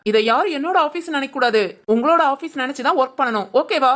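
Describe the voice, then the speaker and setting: A man's voice: extremely high pitch, lively intonation, quick pace, a bit bright. A man playing a stern but kindly office boss in a village web drama.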